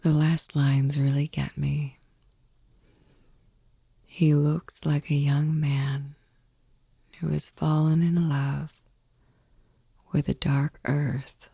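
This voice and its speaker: A woman's deep voice whispers poetry for a sleep ASMR podcast, soft, breathy, slow and soothing, with the microphone close. The delivery is flat and the recording is dry.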